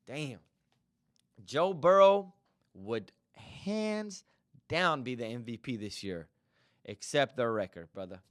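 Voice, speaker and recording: A young man from the Dallas area, hosting a casual sports podcast in slangy, animated talk aimed straight at his listeners. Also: medium pitch, takes it slowly, long pauses, dry recording, clean studio sound. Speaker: podcast host.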